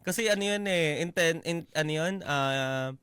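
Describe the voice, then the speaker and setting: A man with a Filipino accent, a radio co-host bantering and teasing with quick jokes. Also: fairly high pitch, a bit bright, clean tone, no echo, studio quality. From Philippines. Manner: teasing, quick interjections and laughs. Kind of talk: comic banter. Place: radio studio. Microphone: studio microphone.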